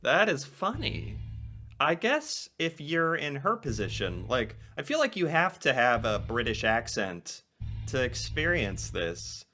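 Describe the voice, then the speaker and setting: A man's voice: mid-range voice, unhurried, soft background music. A man from the United States musing aloud as he reacts to a video. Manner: animated, musing, laughs between thoughts. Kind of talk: casual commentary.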